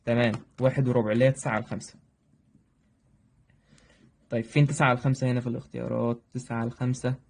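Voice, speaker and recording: Fast-talking Egyptian math teacher. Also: male voice, on the high side, warm tone. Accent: Egyptian Arabic. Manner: brisk, joking, talks to students directly. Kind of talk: exam review lesson.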